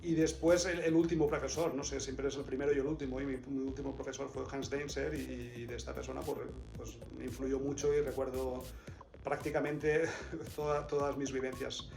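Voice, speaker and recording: A clarinetist from Valencia, Spain, who plays in a quartet, answers interview questions thoughtfully, often restarting sentences and repeating words. His medium-pitched voice is flat, fairly quick and has vocal fry. He's in an echoey room with music in the background.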